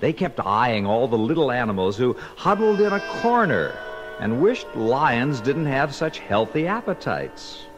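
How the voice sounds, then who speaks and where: Male storybook narrator, unhurried, animated, over orchestral music. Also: mid-range voice.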